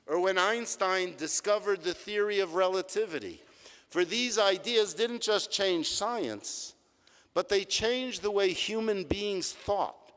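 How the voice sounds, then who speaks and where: An older man, a rabbi, giving a reflective sermon that tells stories and leans on measured emphasis. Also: a little high. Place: large synagogue sanctuary. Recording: long hall reverb.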